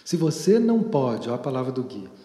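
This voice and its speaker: A man, a psychotherapist, giving an unhurried reflective talk with long pauses and storytelling asides. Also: mid-range voice, very animated, mellow. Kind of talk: reflective talk on therapy and leadership. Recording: echoey hall with long reverb.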